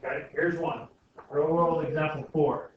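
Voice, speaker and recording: An algebra teacher with a fairly high, steady voice thinks aloud at a moderate pace during a classroom lesson, informally checking in with students through frequent questions. The indoor classroom is very echoey, and the distant mic makes the sound muffled, with faint noise.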